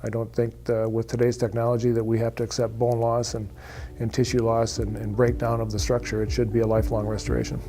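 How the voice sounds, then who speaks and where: A man, a dentist, answering interview questions in a matter-of-fact, brisk way. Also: medium pitch, completely flat delivery, dark tone.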